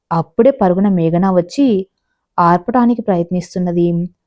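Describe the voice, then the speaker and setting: A woman narrating a family drama story in a plain, steady storytelling manner. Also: on the low side.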